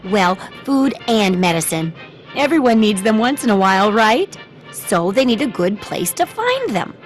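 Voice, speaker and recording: A woman voices a cheerful, eccentric video game shopkeeper who dabbles in amateur research, sounding chirpy and eager. Her medium-pitched, near-everyday voice is sing-song at a moderate pace, perky and chatty with singsong questioning tags, and faint music plays behind her.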